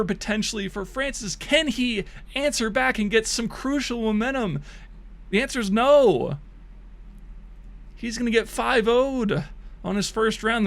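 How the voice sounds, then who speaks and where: A man streaming mock esports play-by-play of bot matches hypes the action, laughing and cracking crude jokes as he loses his voice. His pitch is extremely high and his tone fairly bright.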